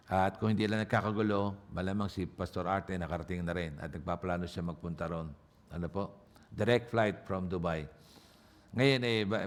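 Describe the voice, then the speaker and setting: A male guest pastor from Nueva Ecija, speaking with his home province's accent. He preaches a sermon at a church service, moving between loud emphatic passages and quiet joking asides. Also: deep voice. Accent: Nueva Ecija Filipino. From Philippines, Nueva Ecija.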